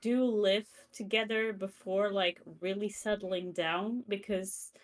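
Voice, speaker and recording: A woman's voice: mid-range voice, fairly even intonation, slow pace. A woman co-hosting a casual live stream chat, speaking at an easy pace and sometimes searching for words. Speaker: stream co-host.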